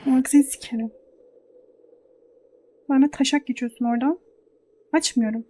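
Young woman with bright, high voice. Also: fairly even intonation, moderate pace. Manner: reactive, swears freely, jokes at the game. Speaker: gaming channel host. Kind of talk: casual let's-play commentary.

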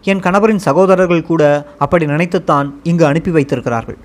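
A man narrating a first-person memoir as an audiobook, in a steady, earnest storytelling manner. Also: on the high side, fairly quick.

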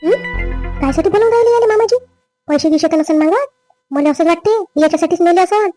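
A woman playing a greedy, scheming young wife in a family drama skit, with a quick, complaining manner. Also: extremely high pitch, mellow, no echo, soft background music. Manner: quick, complaining, rising whine. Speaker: daughter-in-law.

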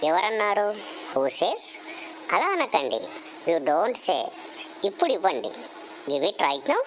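A woman's voice: mid-range voice, huge pitch swings, slow, slight background noise, low-quality recording. A woman teaching English, saying each phrase and then its English version. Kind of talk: slow phrase-by-phrase language lesson.

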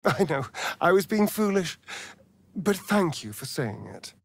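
Speaking with a British accent, a male actor plays a sardonic, preening vampire rogue in a fantasy video game, drawling archly and theatrically in full character voice. The amused delivery is high-pitched and sing-song at a measured pace, with no echo.

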